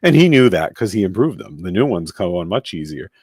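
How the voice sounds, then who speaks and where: A man with a very low voice hosts a casual live-stream toy review, rambling and thinking aloud as he handles a figure. The sound is dry and close, with no room around it. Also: sing-song, fairly quick, a little mellow, husky, no room sound. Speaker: toy collector host.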